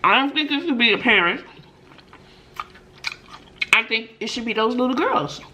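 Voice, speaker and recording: A woman's voice: on the high side, expressive, normal speed, bright, forceful tone, slight background noise. Emphatic middle-aged woman, casual story time. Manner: emphatic, opinionated, with frequent "mm-mm" and rhetorical questions. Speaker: mukbang vlogger and middle school teacher telling stories. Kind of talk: casual story time and opinion talk to viewers.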